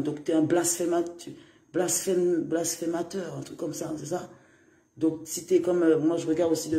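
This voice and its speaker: A talkative woman hosting a casual livestream and greeting viewers as she goes. Her voice is dark and mellow, and it rings around a roomy, echoey space. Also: on the low side. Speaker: livestream host. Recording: roomy echo.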